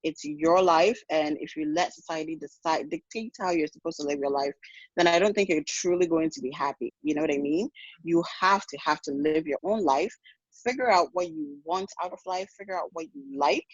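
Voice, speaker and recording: A woman's voice: lowish voice, a little fast, breathy edge, no room sound. A woman from Ghana talks frankly and earnestly on a podcast, circling back and restarting her thoughts. The sound is slightly dull and muffled, with a dry, close feel. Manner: earnest, frank, with many restarts and "you know". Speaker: podcast guest. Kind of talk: casual podcast conversation.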